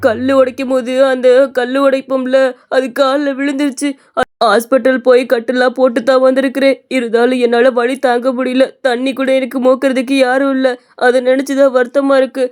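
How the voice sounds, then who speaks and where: A woman's voice: high-pitched, little pitch movement, brisk, a little mellow, smooth, close to an everyday voice. A woman voicing a poor, injured, lonely male laborer in a cartoon story, talking in a plaintive, pained way. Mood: sorrowful.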